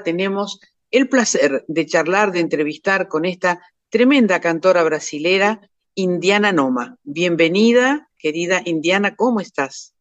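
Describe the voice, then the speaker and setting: A woman with an Argentine accent hosting a radio interview, announcing and asking questions in an admiring tone. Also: lowish voice. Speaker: radio host. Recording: dull lo-fi radio sound.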